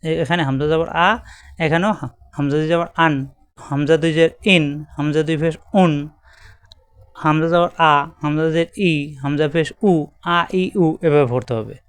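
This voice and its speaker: A man with a Bangladeshi Bengali accent teaching a patient, step-by-step Quran reading lesson, repeating letters slowly. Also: a little high, steady tone, clean tone, dry recording.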